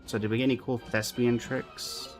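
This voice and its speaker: During a game livestream, a man chats casually with his viewers, humming small filler syllables as he comments. His voice is medium-pitched and level, at a normal speed, with faint music behind.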